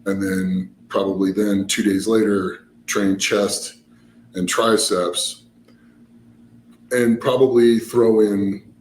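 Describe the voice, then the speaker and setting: Casual male storyteller, fairly low pitch, rambling and explanatory; roomy sound with faint noise behind. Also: little pitch movement, takes it slowly, a little mellow. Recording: roomy echo, background noise.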